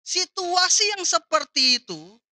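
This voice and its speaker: A woman preaching at a youth conference, asking the audience questions and swinging from loud to soft as she retells a story. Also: very high-pitched, very animated, a little slow, no echo. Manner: addresses the audience as "saudara" and asks them questions; retells the story with dramatic rises and drops in loudness. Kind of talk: conference sermon.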